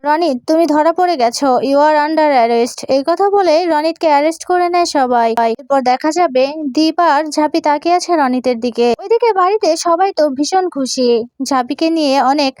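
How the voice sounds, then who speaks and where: A woman with a high voice retells a TV serial episode scene by scene, reading every character's lines in her own plain voice. She pauses now and then on fillers. The recording is dry and close. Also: a little mellow, dry recording. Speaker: serial synopsis narrator.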